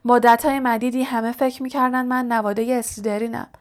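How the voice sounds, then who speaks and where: A woman's voice: on the high side, fairly even intonation, lightly acted. A woman reading the lines of an anxious, earnest teenage boy wizard in a storybook audiobook. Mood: earnest, worried.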